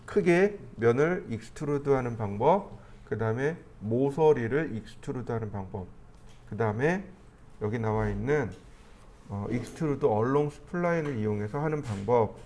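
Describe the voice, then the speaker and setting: A man teaching a 3D modeling class, explaining each step as he clicks through the software. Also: medium pitch, lively intonation, normal speed, slight background noise. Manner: step-by-step explaining, thinking aloud while clicking. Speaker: 3D modeling instructor. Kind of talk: screen-recorded software tutorial.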